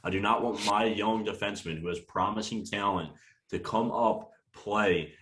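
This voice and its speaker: Ranting young man, low voice. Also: fairly bright tone, rough recording. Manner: heated, profane, rapid-fire ranting. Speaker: podcast co-host. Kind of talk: ranting sports talk.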